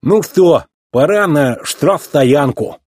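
A man putting on a rusty old tow truck who is goofy, teasing and boastful, stretching his words out in a slow, sing-song drawl. The voice sits well above a normal man's speaking pitch and swoops widely, with a husky edge, and it sounds close and dry. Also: animated, darkish tone, dry recording. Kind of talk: storybook reading.

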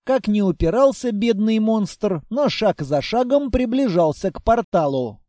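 A man's voice: high voice, lively intonation, unhurried, mellow, dry recording, studio quality. A man reading a fantasy audiobook in wry, ironic first-person narration. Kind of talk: scripted narration.

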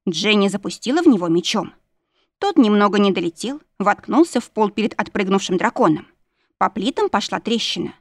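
Woman narrator, expressive storybook reading, dry booth. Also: medium pitch, fairly quick, dry recording. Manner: expressive, shifts voices for quoted characters. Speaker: audiobook narrator. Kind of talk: storybook narration with character voices.

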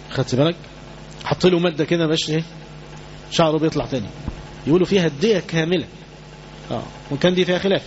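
An Islamic teacher with an Egyptian Arabic accent gives a colloquial religious lesson, often quizzing listeners with questions for them to finish. His voice is fairly high pitched, the recording has its highs cut off, and there's slight background noise.

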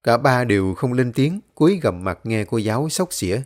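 A man narrating a ghost story in a steady storytelling manner. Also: medium pitch, moderate pace.

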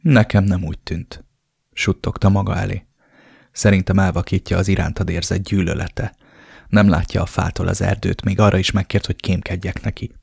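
A man narrating a romance novel in the first person with a low, brooding, even delivery. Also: gravelly, slightly rough, no room sound, studio quality. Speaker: audiobook narrator.

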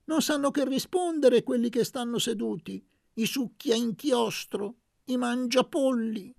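A man doing a shrill cheering old peasant woman. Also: measured pace, gravelly, a little mellow, dry recording, studio quality, full character voice. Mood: jubilant.

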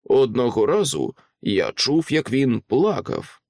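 A man voicing a frightened, loyal older male butler who speaks in a hushed, uneasy way. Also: medium pitch, sing-song, takes it slowly, no room sound. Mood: shaken.

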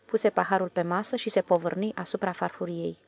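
A woman narrating a literary audiobook in an even, measured reading. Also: on the low side, vocal fry.

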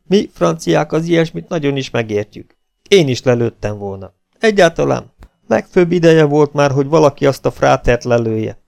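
A man's voice: on the high side, lively intonation, creaky, darkish tone, pitched above the performer's own voice. A man reading an audiobook, voicing a weary, hot-tempered legion captain who threatens and coaxes a prisoner. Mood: coaxing. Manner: threatening, then coaxing and falsely friendly.

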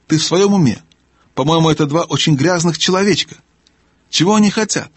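A man voicing an old, deaf, cantankerous male dwarf lord in an audiobook, with loud grumbling speech and a husky voice. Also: fairly high pitch, fairly quick, dry recording, pitched above the performer's own voice, natural voice. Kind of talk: audiobook character voice.

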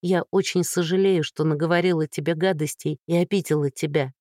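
A woman reading as a hoarse, remorseful young heroine. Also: deep voice, steady tone, a little fast, a little mellow, dry recording, clean studio sound, close to an everyday voice. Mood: pleading, tender. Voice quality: whispery. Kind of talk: audiobook reading.

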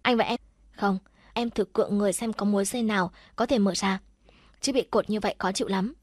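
A woman's voice: medium pitch, fairly even intonation, a little fast, dry recording, close to an everyday voice. Woman reading as a scared young woman captive, pleading and urgent, dry sound. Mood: gentle. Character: frightened but brave young woman captive.

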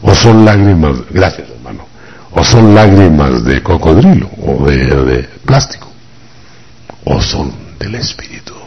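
A man preaching a sermon with a low, very husky voice that rises and falls widely in pitch. He is dramatic, acting out voices and dropping from loud lines to whispers. The recording is dull and lo-fi. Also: sing-song, a little slow.

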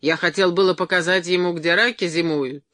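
Loud drunk brother, growling and swearing, rants hard, reader doing him. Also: mid-range voice, steady tone, fairly quick, no echo, clean studio sound, lightly acted. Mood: furious. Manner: growling, cursing, boastful. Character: drunken angry brother, coarse and blustering. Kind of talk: audiobook character voice.

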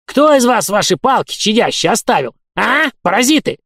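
A man voicing an irascible old male dormitory warden with a high, reedy old man's tenor, yelling and cursing. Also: very animated, normal speed, dry recording, clean studio sound, exaggerated voice. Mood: shouting angrily.

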